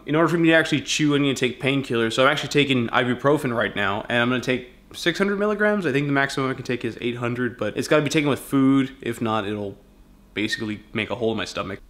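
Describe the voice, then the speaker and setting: Young man with a slight braces lisp. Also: medium pitch. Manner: chatty, rambling, talks while chewing. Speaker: vlogger. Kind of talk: casual vlog chat.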